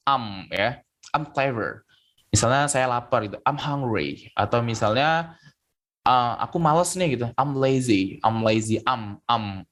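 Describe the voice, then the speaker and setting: A man's voice: medium pitch, a bit bright. A young man teaching an online English lesson, switching between Indonesian and English and patiently repeating words and syllables as he explains pronunciation. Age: young adult.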